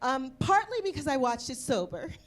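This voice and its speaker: A woman's voice: high-pitched, big pitch swings, moderate pace. A woman performing a stand-up comedy set with a wry, punchy delivery. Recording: played clip of a stage show.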